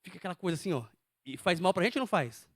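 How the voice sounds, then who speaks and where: A man delivers a sermon in a high-pitched voice, speaking emphatically and repeatedly turning questions on his listeners. The sound is close and dry, with no room around it. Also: big pitch swings, rapid-fire, no echo. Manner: emphatic, asks the congregation questions. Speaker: preacher.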